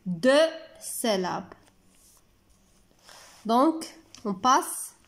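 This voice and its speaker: A woman teaching a children's French lesson, slowly sounding out and repeating words syllable by syllable. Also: a little high, very animated, fairly bright tone. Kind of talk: slow French lesson for young children, explained in Arabic.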